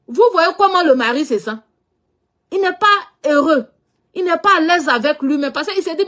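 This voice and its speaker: A woman's voice: high voice, fairly bright tone. A woman with a West African French accent, frankly telling a personal story in a loose, repetitive way, often trailing off with filler phrases. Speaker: social media personality. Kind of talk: casual storytelling monologue.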